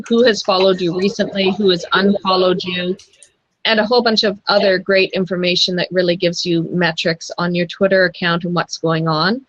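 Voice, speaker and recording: A woman's voice: lowish voice, a bit bright, dry recording. A woman co-hosting a casual online chat, giving earnest advice and repeating her warnings, heard over a video call. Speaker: co-host. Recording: dull lo-fi online call audio.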